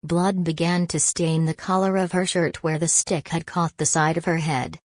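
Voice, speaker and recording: Low-voiced woman narrating a drama. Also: fairly even intonation, normal speed, no room sound. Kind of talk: scripted narration.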